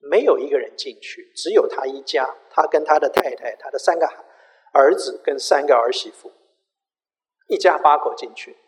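Animated preacher man in an echoey hall. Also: fairly high pitch, moderate pace. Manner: animated, repeats and restarts words. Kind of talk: sermon with storytelling. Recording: echoey hall with long reverb.

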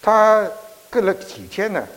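A man preaching, telling a story in an animated, halting way with frequent restarts. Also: sits high. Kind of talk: sermon storytelling. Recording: echoey hall.

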